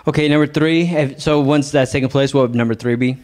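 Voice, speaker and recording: A man's voice: medium pitch, steady tone, a little fast, darkish tone. A young man, a pastor, co-hosting a joking podcast chat; he rambles, stumbles over words and laughs often. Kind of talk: casual comedic chat.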